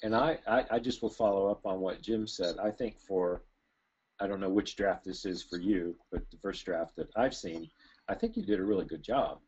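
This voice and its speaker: A man speaking as a thesis committee reviewer in an academic discussion, halting and often restarting his sentences. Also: sits low, a little mellow, slightly rough. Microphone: remote call. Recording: dull, muffled lo-fi call audio.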